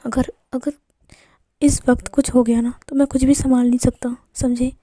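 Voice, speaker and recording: A soft-spoken young man from a storybook coaxes and teases with quiet warmth, as a woman acts him out. The voice sits high and mellow. The recording is dry and close. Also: little pitch movement, normal speed, no echo. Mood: teasing. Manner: teasing, coaxing, soft. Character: teasing calm young man, gentle lover.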